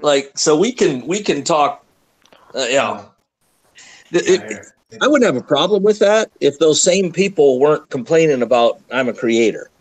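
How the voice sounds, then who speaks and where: A man's voice: on the high side, sing-song, a little slow, slightly rough, no echo, poor audio. A man on a casual live stream chat, talking in an emphatic, folksy way.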